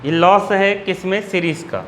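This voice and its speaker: In a classroom physics lecture, a man with an Uttar Pradesh Hindi accent keeps asking his students whether they've understood. His voice sits high with fairly even intonation and a normal speed, over a little hiss or hum.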